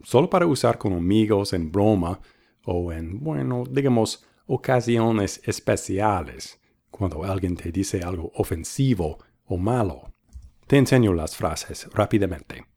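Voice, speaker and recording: A man's voice: deep voice, lively intonation, measured pace, vocal fry, warm tone. A man hosting a bilingual English lesson, patiently modelling phrases and repeating them for practice. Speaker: English teacher and host.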